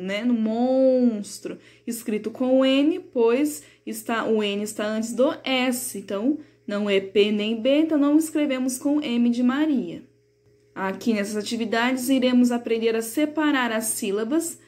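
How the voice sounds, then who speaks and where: A fairly high-voiced woman teaches a third-grade class through a recorded lesson. She talks patiently and didactically, drawing out example words slowly so children can follow. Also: a little mellow. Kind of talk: recorded remote lesson explaining a textbook.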